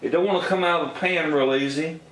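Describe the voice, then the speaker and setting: An older man with a fairly high voice talks fast as he demonstrates baking a cake in his home kitchen, folksy and homespun, humming as he savors things. There's some background noise, and the roomy kitchen carries faint ambience.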